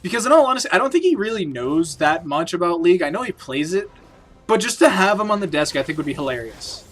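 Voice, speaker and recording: Excitable high-voiced male game caster. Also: fast. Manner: excitable, jumps up in pitch and volume on big plays. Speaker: esports caster. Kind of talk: play-by-play game commentary.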